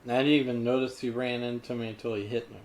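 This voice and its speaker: A man hosting a casual podcast, talking in a laconic, deadpan, hesitant way. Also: medium pitch, quick pace. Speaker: podcast host. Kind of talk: casual chat.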